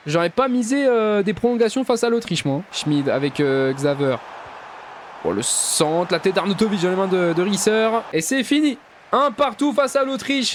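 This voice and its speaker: A man's voice: very high-pitched, a little hiss or hum. A young man casually commentating his football video game career, talking to his viewers with slangy jokes and sudden bursts of cheering. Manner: excitable, swings from mumbling asides to loud cheering; addresses viewers as "les gars", slangy and joking. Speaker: gaming YouTuber.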